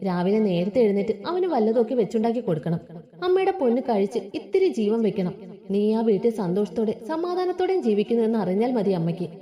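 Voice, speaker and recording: A tender, coaxing village mother, as a woman storyteller reads her. Her voice is mellow and dark-toned, and it rises and falls a lot from line to line. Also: on the high side, big pitch swings, fast. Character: loving, worn-out village mother.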